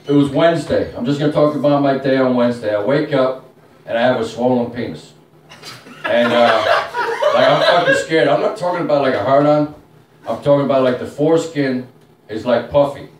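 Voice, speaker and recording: Crude stand-up comic in a roomy bar. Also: male voice, mid-range voice, slight background noise. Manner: crude, swearing storyteller. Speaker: stand-up comedian. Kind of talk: stand-up set. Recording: roomy live room from a distance.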